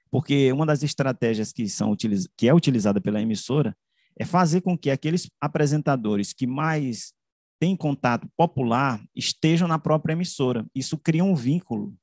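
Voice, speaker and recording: A man with a Brazilian accent gives a semi-improvised academic slide presentation of his research over a video call. His voice is medium-pitched and a little mellow, and he speaks haltingly, often correcting himself and adding tag questions. The computer mic gives a dry sound.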